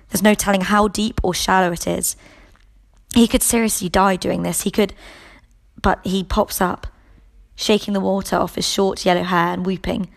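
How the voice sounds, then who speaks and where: A woman reading a novel aloud in the first person, in a steady, measured way. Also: medium pitch, vocal fry. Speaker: audiobook reader.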